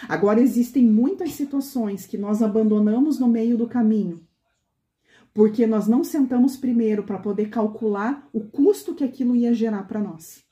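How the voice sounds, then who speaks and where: A woman's voice: on the high side, warm tone, roomy sound. A woman pastor preaching a conversational sermon to a women's meeting, often asking the women questions.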